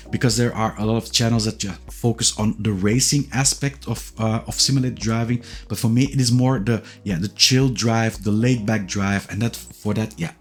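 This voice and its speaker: A Dutch man in his forties, speaking with a Dutch accent and a voice on the low side, introduces his YouTube channel reviewing sim racing gear. He sounds relaxed but hesitant, full of "uh" and "yeah" fillers and repeated words, with faint music underneath.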